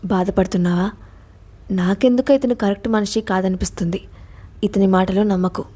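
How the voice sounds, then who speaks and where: A woman's voice: fairly high pitch, normal speed, dark tone, natural voice. A woman voicing an anxious, pleading young friend. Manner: pleading, soothing.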